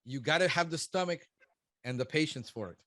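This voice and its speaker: A man's voice: a little high, expressive, a little fast, pushed and bright, dry recording. A man in his fifties, a business consultant, giving blunt and emphatic one-on-one coaching. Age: 50s. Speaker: pest control business consultant.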